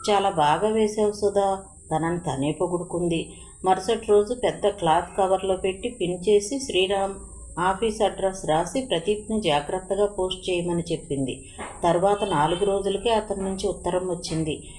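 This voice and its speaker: A woman narrating a novel in a steady, expressive storytelling reading. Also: fairly low pitch, moderate pace, a little hiss or hum. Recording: roomy echo.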